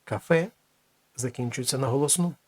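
A man teaching a language lesson, explaining slowly with many pauses and restarts. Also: mid-range voice, a little mellow, breathy edge, no echo.

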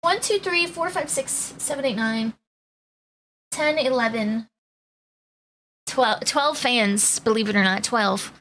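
A woman live streamer chats casually with her viewers in a bubbly way, greeting each by turn. Her voice sits high and sounds bright. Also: takes it slowly, pauses often, slight background noise. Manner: bubbly, greets viewers one by one, laughs often.

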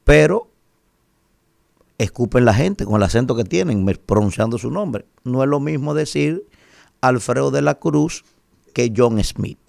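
Emphatic Dominican man, gravelly commentator. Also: mid-range voice, animated, unhurried, pauses often, darkish tone, dry recording, clean studio sound. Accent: Dominican Spanish. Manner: emphatic, rhetorical, keeps asking "¿verdad?". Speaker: radio commentator. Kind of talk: opinion commentary. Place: radio studio, indoors. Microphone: studio mic on a boom arm.

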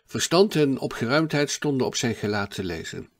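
A man's voice: medium pitch, very animated, normal speed. Man reading a storybook aloud. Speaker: audiobook narrator. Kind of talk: scripted audiobook narration.

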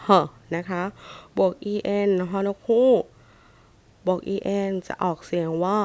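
A woman teacher with a Thai accent, sounding out letters and repeating words slowly in a phonics lesson for young children. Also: on the low side, level tone, mellow, no echo. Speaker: primary school English teacher.

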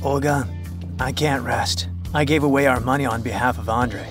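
A man's voice: medium pitch, moderate pace, music in the background, close to an everyday voice. A man playing a blunt, terse therapist. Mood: weary. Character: seasoned male therapist, blunt and principled. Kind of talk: dubbed drama acting.

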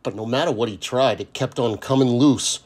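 With a brisk pace and a mid-range voice, a man reads a children's picture book aloud, telling the story expressively.

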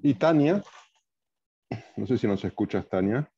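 A man hosting a book club video call, calling on each guest by name in a relaxed, welcoming way. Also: mid-range voice, unhurried, breathy edge. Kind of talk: online meeting introductions. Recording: dull dry video-call audio.

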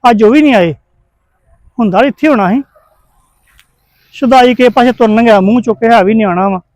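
A man's voice: very high-pitched, a little fast, darkish tone. A middle-aged man acting as a stern, suspicious husband and son who scolds his wife in a family drama. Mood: worried. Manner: accusing, scolding.

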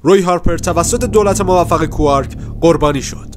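A man narrating a comic book story, reading the characters' lines himself in shifting voices. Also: over music. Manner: lively storytelling, reads every character's lines with shifting pitch.

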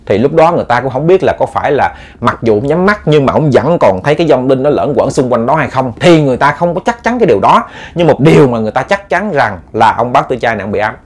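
A man telling a ghost story in a lively way, speaking straight to his listeners with many repeats. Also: medium pitch, fast, breathy edge.

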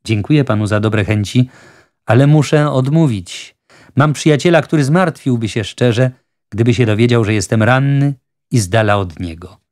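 A man's voice: mid-range voice, moderate pace, darkish tone, close to an everyday voice. A proud, reserved young hunter, as a man reads him. He answers curtly, firm but polite, in a storybook reading.

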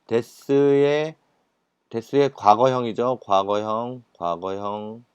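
A man with a lowish voice lectures patiently, stopping on fillers and repeating words as he explains. The recording is dry and a little dull, with no room sound. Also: normal speed, a little mellow, dry recording. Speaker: Japanese language instructor.

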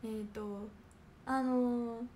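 On her casual livestream, a young adult idol trainee from Kanagawa, Japan, responds to viewer comments in a soft, polite way full of small fillers. Her high, light voice keeps a steady tone and stretches out words, with faint background hiss underneath.

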